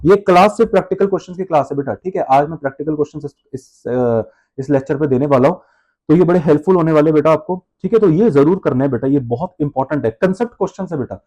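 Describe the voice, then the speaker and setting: Man teaching accounts in a higher voice. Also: fast talker, warm tone. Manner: calls students beta, answers his own questions. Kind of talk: classroom lecture in Hindi.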